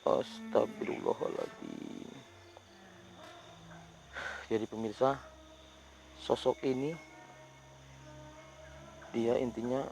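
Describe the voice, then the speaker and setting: Hushed man hunting ghosts at night. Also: mid-range voice. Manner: whispery, breaks into loud urgent calls. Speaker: ghost-hunting video host. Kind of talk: hushed on-location paranormal narration.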